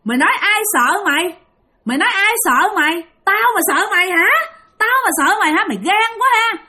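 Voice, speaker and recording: Woman putting on a shrill taunting female demon. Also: animated, brisk, pushed and bright, heavily acted. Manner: taunting, menacing, repetitive jeering. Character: vengeful female demon, killed by a bomb, taunting.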